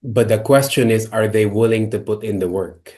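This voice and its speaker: A man from the Philippines, a guest telling his own story in a measured way. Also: on the low side, a little mellow.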